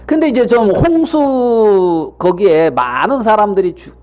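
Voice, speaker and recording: A man's voice: high-pitched, animated, unhurried, darkish tone. A man preaching a sermon as pastor, asking the congregation rhetorical questions and repeating key phrases.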